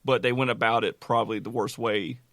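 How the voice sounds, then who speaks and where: A man's voice: mid-range voice, fairly even intonation, fairly quick, a bit bright, no room sound. Male podcast co-host, mid range, rambling explainer, dead-dry sound. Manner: explains at length with many "uh" fillers, swears casually. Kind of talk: casual chat.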